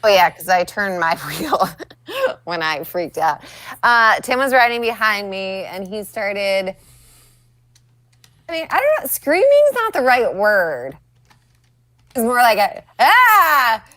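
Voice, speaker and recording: A woman's voice: mid-range voice, sing-song, slow, pauses often, a bit bright, no echo. Chatty young woman telling stories. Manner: chatty, laughs often, storytelling. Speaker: guest. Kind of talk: casual chat. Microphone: video call.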